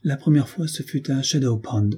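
A man reading an audiobook, voicing a gentle, heartbroken young woman who speaks softly and tremulously. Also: mid-range voice, normal speed, breathy edge. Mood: tender. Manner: soft, trembling, tearful.

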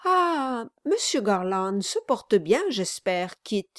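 A woman's voice: medium pitch, sing-song, slow pace, dry recording, studio quality. A woman voicing an oily, scheming middle-aged male lawyer in an audiobook, speaking in a honeyed, falsely cheerful way. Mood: falsely jovial.

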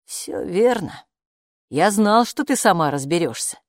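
A woman voicing a magical talking bathrobe, a calm male know-it-all who speaks in an unhurried, patronizing way in a storybook. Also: on the low side, no echo, clean studio sound. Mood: sly patronizing. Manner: unhurried, patronizing, calls her "friend".

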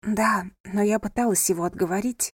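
Woman voicing a calm pregnant young wife, wry, sensible, even, dry close storybook reading. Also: mid-range voice, normal speed, husky, no room sound, close to an everyday voice.

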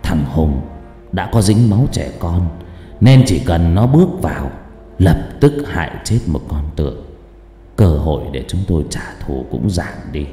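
A man voicing a bitter, vengeful older guard in a horror story, speaking low and grave. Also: expressive, normal speed, dark tone. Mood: grim. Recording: echoey hall, long reverb, faint music.

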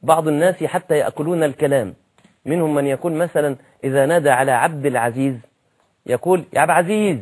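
A man with an Egyptian accent gives a religious lesson, his voice husky and set a little high for a man. He talks earnestly and says his main points twice over to drive them home. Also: fast, darkish tone. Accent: Egyptian Arabic. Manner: earnest, repeats key phrases for emphasis. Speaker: preacher.

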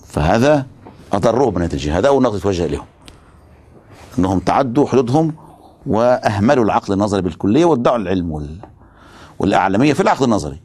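A man's voice: lowish voice, very animated, very fast, pauses often, darkish tone, breathy edge. A man giving a religious philosophy lecture, emphatic and stopping often to ask his students rhetorical questions.

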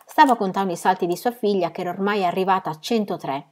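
A woman reading a novel aloud in steady, measured storytelling. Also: mid-range voice. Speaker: reader.

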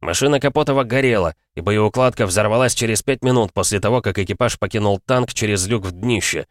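A man's voice: on the low side, a little fast, dry recording, clean studio sound, natural voice. A man voicing a blunt male tank commander who barks orders in battle. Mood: cold, blunt. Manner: barked orders, blunt and cold.

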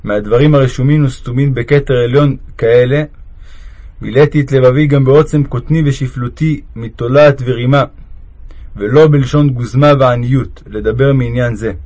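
Male reader, mid-range voice, steady measured recitation of devotional text. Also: mid-range voice. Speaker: reader of religious texts. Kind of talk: reading aloud a devotional text.

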